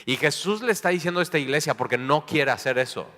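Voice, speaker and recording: A man's voice: on the high side, lively intonation, fast, pushed and bright, in a large hall. A Mexican man preaching a sermon, playful, acting out small everyday dialogues. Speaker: pastor.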